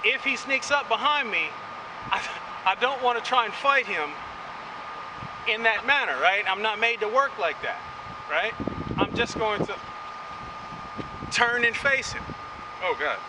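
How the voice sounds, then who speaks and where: A karate instructor, a native English speaker with a high-pitched voice and lively intonation, teaches outdoors at a measured pace with frequent pauses. He's chatty and keeps saying "right?", and the distant recording carries wind and vehicle noise.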